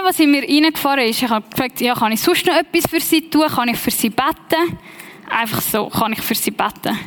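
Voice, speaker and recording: Swiss german lady preaching, high voice, telling stories all lively and personal. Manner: lively, personal, conversational storytelling with English phrases. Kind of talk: sermon storytelling.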